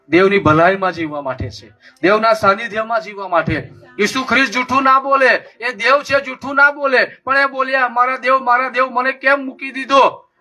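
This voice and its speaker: A man's voice: high voice, pushed and bright. A man preaching a sermon with a passionate, repetitive cadence.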